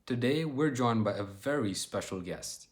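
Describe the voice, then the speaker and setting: A man's voice: mid-range voice, expressive, moderate pace. A young adult man hosting an interview, asking questions with many fillers and restarts. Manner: hesitant, filler-heavy questions. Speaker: host.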